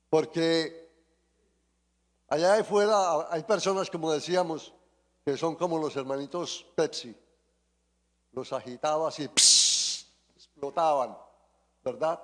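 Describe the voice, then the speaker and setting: A man's voice: on the high side, measured pace, pauses often. A man preaching a sermon and praying fervently, often repeating his appeals to the Lord. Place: church sanctuary. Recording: long church reverb.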